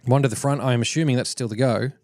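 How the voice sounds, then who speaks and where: A man's voice: mid-range voice, steady tone, rapid-fire, darkish tone, dry recording, clean studio sound, soft background music. A man streaming, chatting casually and laughing often as he opens card packs and reads chat aloud.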